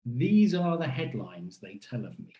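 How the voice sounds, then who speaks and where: An academic keynote speaker, a man, delivers a scripted first-person talk with a roomy echo around him. His mid-range voice is mellow and sing-song, and his delivery is deliberate and rhetorical, using emphatic pauses, with a wry edge throughout the narration.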